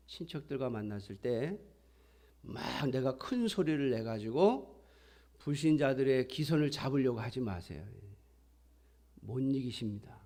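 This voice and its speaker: A man's voice: mid-range voice, dark tone. A middle-aged man preaching a sermon in a conversational style, sometimes acting out quoted voices. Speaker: pastor.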